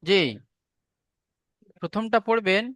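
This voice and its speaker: A man's voice: sits high, steady tone, slow, fairly bright tone, no echo. Patient male tajweed teacher, dry close mic. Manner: patient, repetitive explaining, spelling out syllables. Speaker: Quran recitation teacher. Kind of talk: online tajweed class lecture.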